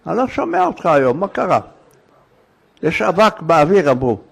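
A man's voice: a little high, big pitch swings, creaky, a bit bright, husky. A man teaching a religious lesson, telling a story in short clipped phrases and prodding his listeners with questions.

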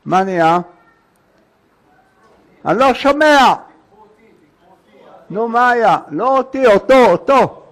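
A man's voice: very high-pitched, lively intonation, long pauses, a bit bright. A man teaching a religious lesson, telling a story in short clipped phrases and prodding his listeners with questions.

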